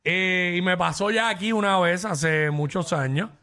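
Teasing Puerto Rican man, high and bright. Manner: teasing, quick jokes. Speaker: radio co-host. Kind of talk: casual radio banter.

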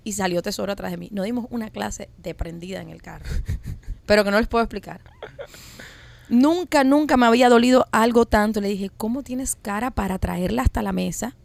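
A woman telling a personal story in a casual group chat, animated and dramatic. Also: mid-range voice, brisk, creaky, dry recording.

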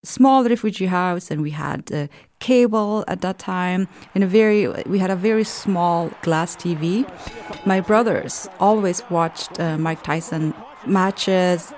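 A woman's voice: lowish voice, a little mellow. A woman, telling her story in a documentary interview in an earnest, reflective way. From Afghanistan. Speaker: interviewee, former Olympic judoka.

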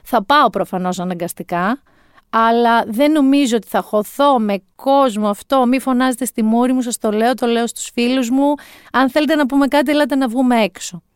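A woman's voice: fairly high pitch, clean tone, no room sound. A woman in her forties telling a comic story in a wry, self-mocking way, close to the mic. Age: 40s. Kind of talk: comic monologue.

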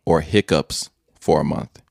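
A man co-hosting a casual podcast, laid-back and quick to laugh. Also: very deep voice, gravelly, darkish tone, no echo, clean studio sound. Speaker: podcast co-host.

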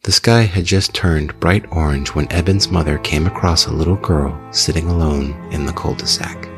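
Super deep gravelly guy narrating horror stories slow and ominous, music behind. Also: steady tone. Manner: measured, ominous storytelling. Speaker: horror story podcast host and narrator.

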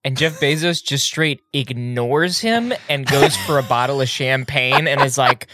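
A man co-hosting a podcast, telling stories in animated casual chat. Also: medium pitch, a little slow, no echo, clean studio sound. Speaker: podcast co-host.

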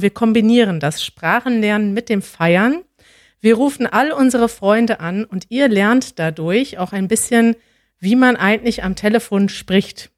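A woman hosts a live podcast in a casual, lively and friendly way. She speaks close to the microphone, and the sound is dry, with little room echo. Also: mid-range voice. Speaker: podcast host. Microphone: close studio mic.

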